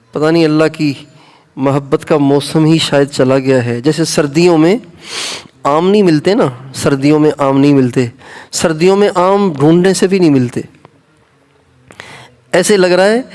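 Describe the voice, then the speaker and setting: A man's voice: fairly high pitch, a little mellow. A male Islamic preacher with a Pakistani Urdu accent, giving an emphatic sermon to women and repeating his points for stress. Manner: repetitive, emphatic, rising for stress.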